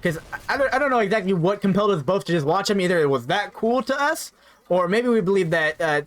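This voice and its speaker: A young man with a fairly high voice recounts a personal story in a casual storytime manner. He rambles, repeats himself and tags his sentences with "right?" asides. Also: expressive, fast.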